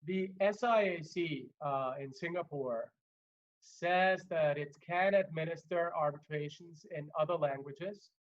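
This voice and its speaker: Over muffled video-call audio, a native German man with a slightly high voice gives a legal training lecture. He keeps a measured pace, though he uses lots of fillers and frequently restarts his sentences.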